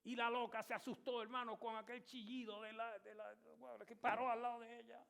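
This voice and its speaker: Bright, high-voiced pastor preaching. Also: male voice, flat delivery, fairly quick, vocal fry. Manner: storytelling, emphatic, shouts at climaxes. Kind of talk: sermon.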